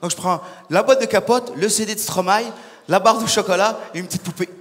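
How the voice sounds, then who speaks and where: A young man doing a stand-up comedy set on stage, animated and acting out little scenes. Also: high voice, fairly quick. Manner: animated, acts out voices and characters. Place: large concert hall on stage. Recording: live hall with long reverb.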